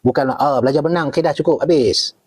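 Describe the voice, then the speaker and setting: A middle-aged man with a Malaysian Malay accent, a retired army officer answering viewer questions in a casual live session. He talks animatedly, jumps up in pitch to stress a point and keeps checking in with the listener. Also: fast, breathy edge. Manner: animated, leaps high for emphasis, keeps checking in with "okay?" and "right?".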